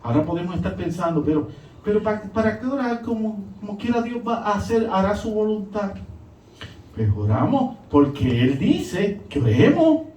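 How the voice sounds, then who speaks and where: A man delivers a sermon in a high, ringing voice. He swings between emphatic peaks and hushed, low drops. The recording sounds echoey, with the voice set back from the mic. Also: animated, normal speed, a little hiss or hum. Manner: emphatic preaching, rising and dropping. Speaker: preacher. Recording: echoey room, voice from a distance.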